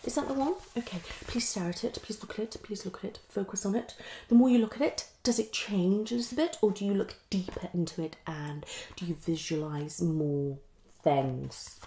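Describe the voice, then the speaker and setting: Indoors in a small living room, a woman of about thirty does a fast, unpredictable ASMR roleplay as a psychologist, muttering, repeating herself, and shifting between whispering and speaking. Her medium-pitched voice has a dark tone and moves at normal speed. There's a little hiss or hum.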